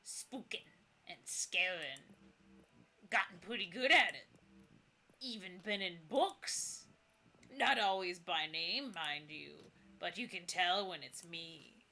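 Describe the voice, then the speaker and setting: A woman performs a boastful old ghost gentleman from a video game. He talks slowly in creaky, old-timey phrases, with a forceful edge. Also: lowish voice, heavily acted. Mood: boastful, spooky. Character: boastful ancient male plague ghost in a top hat.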